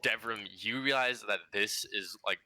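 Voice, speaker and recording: A man's voice: on the low side, moderate pace, pushed and bright, poor audio. A man narrating a tabletop game as game master, in loose speech with a lot of "like.".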